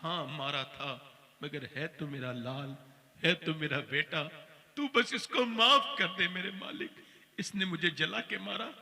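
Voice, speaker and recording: With a high voice that sounds pushed and bright, a man preaches in a large hall. His sermon is packed with heartfelt stories, and he performs the quoted voices of their characters.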